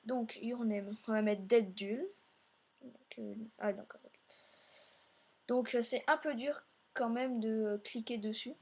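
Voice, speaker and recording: A woman's voice: fairly high pitch, fairly even intonation, a little slow, long pauses, a little mellow, slightly rough. A woman hosting a let's play, narrating her gameplay in a meandering way and talking straight to her viewers. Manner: meandering, filler-heavy narration while playing; speaks directly to viewers.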